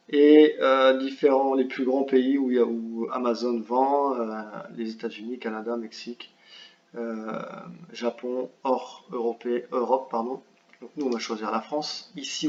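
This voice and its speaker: A man giving a screen-share software tutorial, talking hesitantly with many fillers and restarts. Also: medium pitch. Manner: apologetic about his English pronunciation. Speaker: online business tutor. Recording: roomy, slightly dull home recording.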